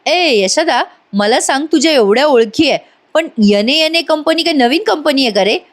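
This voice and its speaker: A woman's voice: sits high, lively intonation, moderate pace, voice pushed up. A woman voicing a naive young man who asks question after question in a rustic, inquisitive way. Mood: curious.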